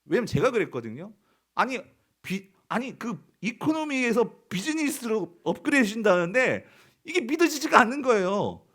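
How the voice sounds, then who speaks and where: A man's voice: extremely high pitch, sing-song, normal speed, a bit bright. A man preaching a sermon as pastor, emphatic and questioning the congregation, acting out quoted dialogue with drama.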